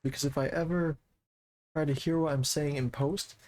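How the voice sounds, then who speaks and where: A man streaming a game from his desk mic, casual commentary that rambles and corrects itself, and he talks fast. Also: on the high side, fairly even intonation, darkish tone. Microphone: desk microphone.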